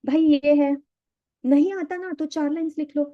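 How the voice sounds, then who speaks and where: A woman's voice: high voice, steady tone, normal speed, no echo, phone-quality sound. A middle-aged woman coaching a live online session, chatty and teasing, slipping into English and acting out the lines she quotes. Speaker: EFT and meditation coach. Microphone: video call.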